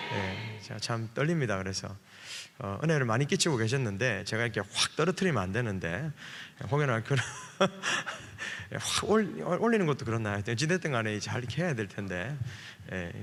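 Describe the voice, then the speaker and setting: A male pastor from Busan speaks with a Gyeongsang accent at an ordinary middle pitch. He preaches at a revival service in a loose, chatty way, joking and filling pauses. His voice carries a long reverb through the church's sound system. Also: fairly bright tone. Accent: Gyeongsang Korean. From Busan, South Korea. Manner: chatty and joking, with many fillers. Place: church sanctuary.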